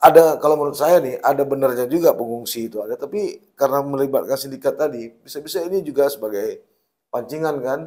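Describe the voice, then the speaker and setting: A man's voice: medium pitch, fast talker, dark tone. A man interviewing a guest in conversation, probing with questions and thinking aloud with fillers.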